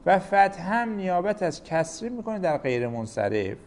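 A man's voice: sits high, big pitch swings. A man teaching a grammar lesson, explaining rules step by step with examples.

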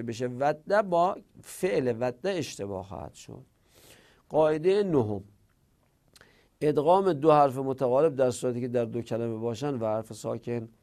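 A man teaching a grammar lesson, patiently explaining rules and repeating examples slowly. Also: medium pitch, darkish tone. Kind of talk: classroom lecture.

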